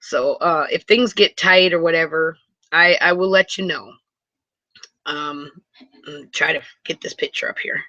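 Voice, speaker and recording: Bright-voiced woman from wisconsin rambling on a live chat from her rv, dull lo-fi sound. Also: low-pitched, unhurried, no room sound. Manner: chatty and rambling, with many restarts; excitable. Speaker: live stream host. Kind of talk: casual live chat with viewers. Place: inside a motor home. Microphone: computer mic for a video hangout.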